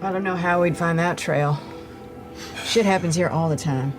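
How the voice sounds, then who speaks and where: A woman's voice: lowish voice, normal speed, over loud music, close to an everyday voice. A woman playing a mild, curious young woman adventurer in improvised tabletop role-play. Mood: questioning.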